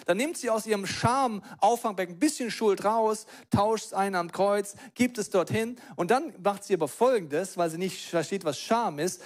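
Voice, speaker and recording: A man preaching a sermon in a lively, emphatic way. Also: sits high. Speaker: pastor.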